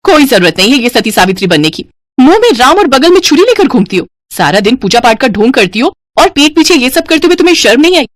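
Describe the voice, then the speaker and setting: Voicing a bossy, sneering sister-in-law who is young, spoiled and scheming, this woman uses a shrill tone for an animated storybook. She speaks quickly with hardly any pauses, and there's no echo.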